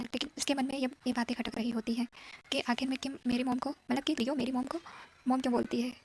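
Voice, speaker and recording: A woman narrating a story in a plain, repetitive retelling style. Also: fairly high pitch.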